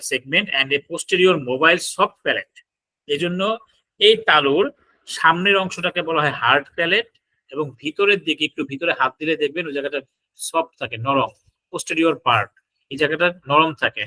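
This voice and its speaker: Bright-voiced man lecturing in Bengali. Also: on the high side, no room sound, rough recording. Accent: Bangladeshi Bengali. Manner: reads English lines slowly then explains. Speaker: homeopathy lecturer. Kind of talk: classroom lecture mixing English terms. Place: homeopathy clinic in Dhaka.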